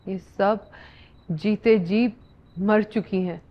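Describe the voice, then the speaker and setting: Solemn, ominous knower of secrets, very slow, dull lo-fi sound. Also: female voice, medium pitch, steady tone. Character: grave woman who knows the dead girls' secret. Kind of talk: TV horror drama acting.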